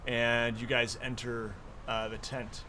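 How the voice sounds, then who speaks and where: A man improvising narration as game master of a tabletop game, often pausing mid-sentence. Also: medium pitch, level tone, sharp tone, slight background noise.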